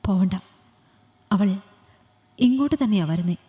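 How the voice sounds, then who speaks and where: A woman's voice: mid-range voice, expressive, a little slow, warm tone, natural voice. A woman doing a protective male friend. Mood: reassuring. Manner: urgent, reassuring. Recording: long hall reverb.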